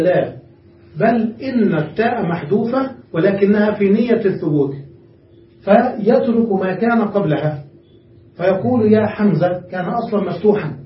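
A man with a high voice teaches a grammar lesson, explaining patiently and frequently checking that students understand. The classroom recording sounds distant, echoey and muffled, with a slight hiss or hum.

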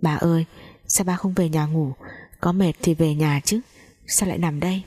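Grieving young heiress, twenty, low husky voice, read by a woman storyteller. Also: fairly even intonation, moderate pace, dark tone, no room sound, clean studio sound. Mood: pleading. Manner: pleading, broken speech.

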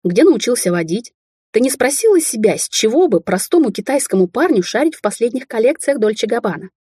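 A proud young heir from a wealthy Chinese family, quick to flare up, voiced by a woman reading a novel aloud. The tone is dark and mellow with a husky edge, recorded close and dry, with no room sound. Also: on the high side, very animated, dry recording, pitched above the performer's own voice, heavily acted. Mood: angry. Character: young Chinese man, rich heir, hot-tempered.

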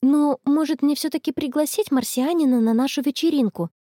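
A woman voicing a dreamy, stubborn teenage schoolgirl in love, in a storybook, soft and a little touchy. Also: high voice, a little fast, no echo, studio quality, pitched above the performer's own voice, natural voice.

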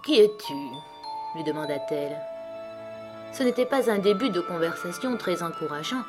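Calm woman narrating a classic tale. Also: lowish voice, normal speed, over music. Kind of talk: audiobook narration.

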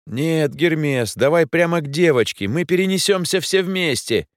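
A man's voice: a little high, animated, normal speed, dry recording, clean studio sound, pitched above the performer's own voice, close to an everyday voice. A man voicing a stressed young hero who talks urgently. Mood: strained. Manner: urgent, frustrated.

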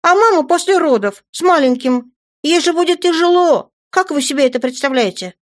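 A woman voicing a blunt, fiery teenage girl with a high, insistent voice. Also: animated, moderate pace. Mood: upset.

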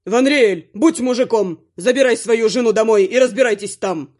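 Brief: woman voicing a pushy, cunning son-in-law, loud and blunt, storybook reading. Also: mid-range voice, measured pace, voice pushed down, natural voice. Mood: barking. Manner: barking, forceful outbursts. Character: brash, scheming son-in-law, forceful and loud. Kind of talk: audiobook character voice.

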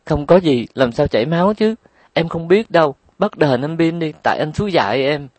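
A man's voice: medium pitch, animated, darkish tone, no room sound, natural voice. A man voicing a spoiled little girl who whines and snaps back sassily. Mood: whiny. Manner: whining, sassy, quick retorts. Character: bratty, whiny little girl.

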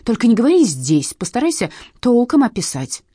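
A bossy, sharp-tongued young woman, read by a female narrator, scolding and teasing with a lively, swooping voice. The tone is husky, and the recording is dry and close. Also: fairly high pitch, brisk, dry recording, pitched above the performer's own voice. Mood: commanding. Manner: scolding and mocking.

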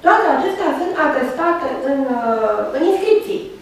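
A woman's voice: high voice, big pitch swings. Woman lecturing in a very echoey room. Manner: pauses often with drawn-out fillers and checks in with students. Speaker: university lecturer. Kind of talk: classroom lecture. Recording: very echoey room, mic far off, faint background noise.

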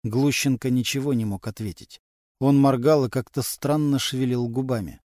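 A man's voice: medium pitch, no room sound. Male audiobook narrator, dry close sound. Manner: even, unhurried storytelling. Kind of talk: scripted narration.

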